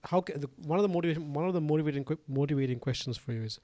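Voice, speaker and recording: A man's voice: on the high side, racing, warm tone, no echo. Rambling Sri Lankan-born male podcast host. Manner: rambling, many fillers and restarts. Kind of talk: casual interview conversation.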